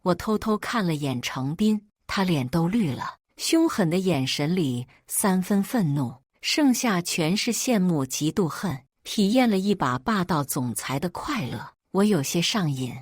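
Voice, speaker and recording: Lively low-voiced woman storyteller. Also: a little slow, hardly any pauses, no room sound, studio quality. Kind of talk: first-person story narration.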